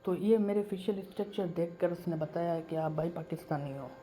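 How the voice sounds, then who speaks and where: A man's voice: a little high, fairly quick, warm tone. Male vlogger, insistent and repetitive, faint background noise. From Pakistan. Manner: repetitive and emphatic, circles back to the same points. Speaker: YouTuber. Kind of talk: casual vlog monologue.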